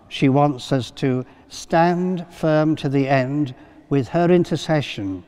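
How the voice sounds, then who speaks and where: An older priest gives a sermon in a slightly raised voice, telling his story gently with pauses and little fillers. His words ring out with the long reverb of a big cathedral, picked up by a pulpit mic. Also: fairly high pitch. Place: large cathedral.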